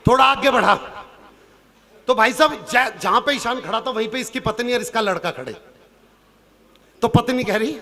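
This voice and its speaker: A man telling a comic story on stage at a poetry gathering. He acts out the characters and shouts some of their lines. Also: extremely high pitch, moderate pace, long pauses. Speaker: stage poet. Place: outdoor stage event with audience laughter.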